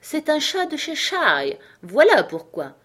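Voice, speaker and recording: Duchesse grognonne lue par une femme, voix enrouée, ton cassant, livre audio. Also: female voice, sits high, wildly swooping pitch, slow, fairly bright tone, voice pushed up, exaggerated voice. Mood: curt. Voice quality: hoarse, grumbling. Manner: curt and snapping. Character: rude ill-tempered grown woman duchess, gruff. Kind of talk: storybook reading.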